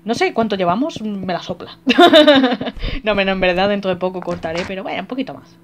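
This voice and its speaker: A young woman playing through a horror game, excitable and quick to swear and laugh. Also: medium pitch, a little hiss or hum. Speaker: gamer. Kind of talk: let's play commentary. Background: faint game music.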